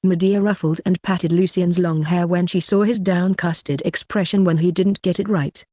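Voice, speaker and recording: A narrator reading a fantasy story aloud in an even, steady way. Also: mid-range voice, normal speed, no room sound, clean studio sound. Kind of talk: scripted audiobook narration.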